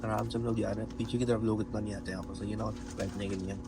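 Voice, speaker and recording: A man's voice: on the low side, little pitch movement, racing, vocal fry. A young man from Pakistan with a Pakistani Urdu accent, chatting casually into a handheld phone for his travel vlog and often asking viewers whether he is right. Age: young adult. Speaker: travel vlogger.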